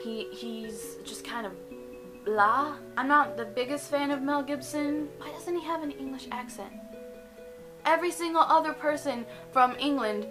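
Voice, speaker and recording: A woman's voice: fairly high pitch, poor audio. A young woman hosting a casual vlog, chatty and opinionated, sometimes repeating words as she talks. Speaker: YouTube host. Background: music.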